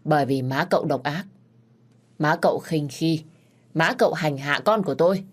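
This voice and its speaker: A woman's voice: low-pitched, normal speed. A woman voicing a bitter, resentful mother in a spoken story, accusing and raised. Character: bitter grieving middle-aged mother, servant woman.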